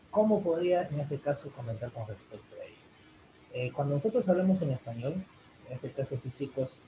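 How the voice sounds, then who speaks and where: Man, online english teacher, mellow dark voice, rambling with fillers, faint hiss behind. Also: mid-range voice, poor audio. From Peru. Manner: rambling, full of fillers like "en este caso" and "chicos". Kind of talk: online class Q&A, explaining in Spanish.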